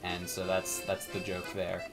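A man's voice: sits low, monotone, unhurried, over music. A man co-hosting a casual gameplay chat, joking around and giggling at his own bits. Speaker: co-host.

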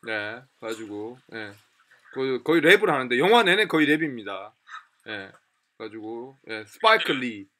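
Animated bright-voiced Korean male instructor. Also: mid-range voice, measured pace. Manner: animated, repeats and drills example phrases. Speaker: English pronunciation instructor. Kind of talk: lively classroom lecture with demonstrations.

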